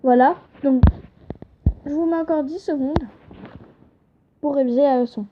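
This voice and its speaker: A young woman with a high voice teaches a casual lesson at home, chatty and a little hesitant, stopping to correct herself. The recording is dull and lo-fi. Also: measured pace, background noise. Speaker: channel host teaching an invented language.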